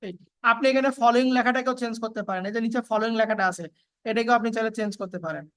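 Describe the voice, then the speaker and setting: A woman giving a casual, step-by-step software tutorial, with frequent fillers and repeats. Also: fairly high pitch, racing. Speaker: video editing tutor. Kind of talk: screen-recorded software tutorial.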